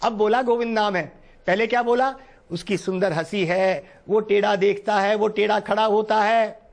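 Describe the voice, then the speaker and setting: High-voiced man giving a devotional talk. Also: fairly even intonation, normal speed, gravelly. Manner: recites verse then explains it line by line, earnest and pleading. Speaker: spiritual teacher. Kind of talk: devotional discourse explaining Sanskrit verse.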